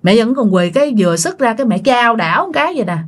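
A woman's voice: a little high, lively intonation, fast talker. Chatty woman storyteller. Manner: chatty, addresses listeners directly. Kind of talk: spoken ghost-story narration.

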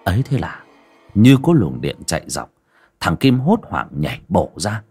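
A man narrating an audio story in a lively storytelling manner. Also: sits low, measured pace, slightly rough.

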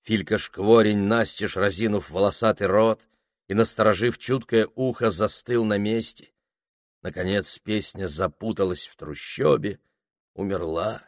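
A man reading a novel aloud as an audiobook narrator, in a measured, expressive way. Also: lowish voice, no room sound, studio quality. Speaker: audiobook reader. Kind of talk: scripted narration.

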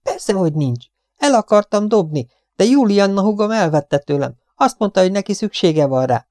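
A rambling, superstitious stout cleaning woman chatters on in a shrill, raised voice, as a male audiobook reader puts her on. The tone stays mellow underneath, and the recording is close and dry. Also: sing-song, no echo. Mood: chattering.

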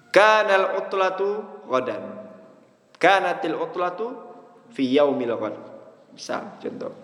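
A man lectures students on Arabic rhetoric, switching between plain explanation and Arabic terms while he keeps checking that they understand. His voice sits a little high and jumps up when he stresses a point. The sound rings with the long reverb of a large hall. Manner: asks students "paham?" and "fahim tum?" often, mixing Arabic terms into his explanations; lively, wide pitch swings between emphatic high lines and low asides. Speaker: religious teacher.

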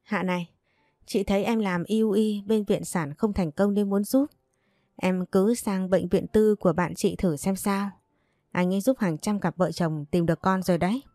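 A woman's voice: mid-range voice, fairly even intonation, moderate pace, warm tone, no echo, studio quality, close to an everyday voice. A woman voicing a scheming young woman who sweet-talks with false concern. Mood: sweet-talking.

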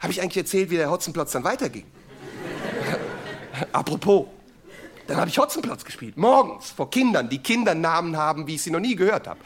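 A male stand-up comedian telling a story on stage, frantic and often shouting, acting out other voices. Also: fairly high pitch, big pitch swings, fairly quick, crowd noise, background noise.

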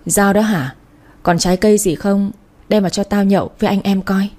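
A woman voicing a drunk, slurring older brother who bullies his sister, reading him in a fast, belligerent manner. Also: medium pitch, fairly even intonation, darkish tone, close to an everyday voice. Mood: drunken bullying.

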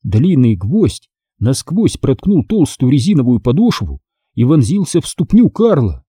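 A man narrating an audiobook story in the first person, telling it in an expressive way. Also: medium pitch, a little slow, husky, no echo.

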